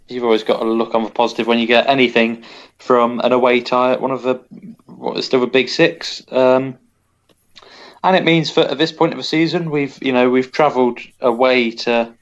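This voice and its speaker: A man's voice: medium pitch, steady tone, normal speed, lo-fi sound. A man co-hosting a casual football podcast, rambling and correcting himself with wry asides. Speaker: podcast co-host.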